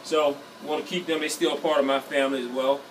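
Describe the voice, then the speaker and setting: On a handheld-camera tour of his indoor gym, a middle-aged man with a Southern US drawl boasts in upbeat salesman style. His higher voice moves quickly with little pitch variation. Echoey rooms, music in the gym and slight background noise come through the distant camera audio.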